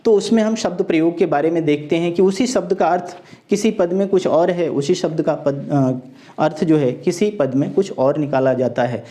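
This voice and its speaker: A man teaching Hindi grammar in an exam-prep lecture, explaining slowly and repeating each point, reciting verse lines with careful stress. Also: a little high, dark tone.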